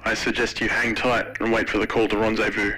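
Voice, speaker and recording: A clipped male shore commander crackles over a radio link, put on by a male narrator. His voice is bright and edgy and barely moves in pitch, delivered in a flat, matter-of-fact way. It stays low-pitched throughout. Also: fairly quick, soft background music.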